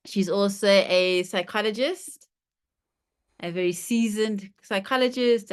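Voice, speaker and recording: A woman speaking gently and informally as the host of an online gathering, welcoming people and introducing a guest. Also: lowish voice, smooth.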